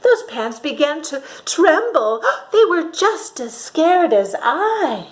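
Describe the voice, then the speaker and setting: Reading to small children, a woman with a high-sitting voice brings the storybook to life with dramatic expression and pauses to put questions to her listeners.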